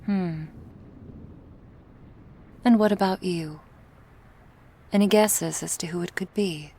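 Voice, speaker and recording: In an ASMR roleplay, a woman voices a cool, menacing female vampire crime boss, speaking in a measured, authoritative way. Her voice is on the low side and mellow, with a coolly suspicious mood.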